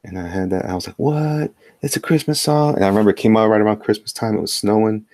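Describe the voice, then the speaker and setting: A man's voice: lowish voice, level tone, racing, darkish tone, dry recording, studio quality. A middle-aged man with a New York accent, chatting casually and playfully on a live stream as he draws, rambling and repeating his phrases. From the Bronx, New York. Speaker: artist hosting a live drawing stream. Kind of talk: casual live-stream chat while drawing. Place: indoors at a tabletop.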